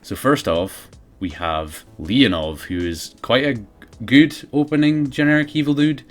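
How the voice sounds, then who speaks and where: A man's voice: medium pitch, measured pace. A man giving casual, sardonic, sweary comedic commentary as a video game reviewer.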